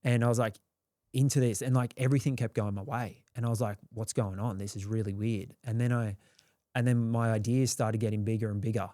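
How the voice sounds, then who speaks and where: A man's voice: medium pitch, fairly even intonation, fast, mellow, no echo, clean studio sound. A young Australian man telling his story in a candid, rambling way, swearing freely and acting out quotes. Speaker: guest.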